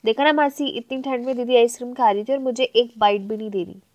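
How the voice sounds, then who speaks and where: A woman voicing a cheeky young man in a spoken story, teasing and loud in her own voice. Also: fairly high pitch, fairly even intonation, fast talker, close to an everyday voice.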